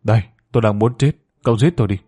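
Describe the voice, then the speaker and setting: A man's voice: on the low side, racing, mellow, natural voice. A man voicing a grieving middle-aged husband, anguished and pleading in an audiobook story. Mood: bitter.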